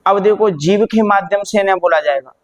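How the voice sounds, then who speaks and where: A man with a high-pitched, fairly quick voice teaches a Hindi grammar lesson in class, sounding out letters one at a time. He poses questions and answers them himself, calling his students "beta" as if they were children.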